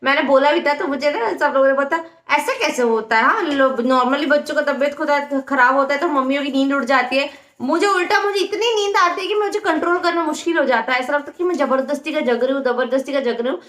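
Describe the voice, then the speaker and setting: A woman's voice: sits high, fast talker, a bit bright. A young woman vlogger chatting casually to her viewers, often dropping English words into her talk. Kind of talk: casual vlog chat. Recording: echoey room.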